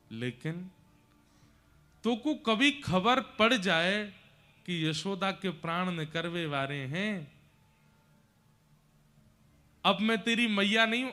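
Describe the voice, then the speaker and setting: Man playing a tearful rustic mother, bright-toned, resigned. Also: sits high, exaggerated voice. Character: grieving village mother, loving and resigned.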